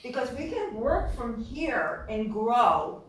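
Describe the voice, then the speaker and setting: A woman facilitating a group workshop, speaking calmly and reflectively with gentle pauses. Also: a little high, slight background noise. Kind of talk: guiding a group session. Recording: echoey room, distant mic.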